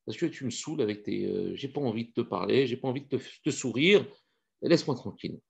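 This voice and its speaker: A man's voice: lively intonation, fast talker, creaky, a little mellow, husky, highs cut off. A man voicing a blunt, scornful rich husband who tells everyone harsh truths in indignant rants. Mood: irritable. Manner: indignant rants rising to high outbursts.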